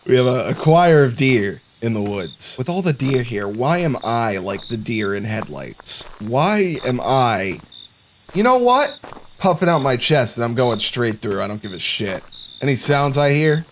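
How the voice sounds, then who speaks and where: Muttering sarcastic jokes to himself, this male content creator plays through a horror game at an unhurried pace, his medium-pitched voice swinging widely in pitch. There's slight background noise along with the game's cricket and insect sounds.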